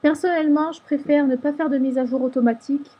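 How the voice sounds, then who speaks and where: A woman narrating a screen-recorded software tutorial, explaining each step patiently. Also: high-pitched, fairly even intonation, fast. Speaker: tutorial maker.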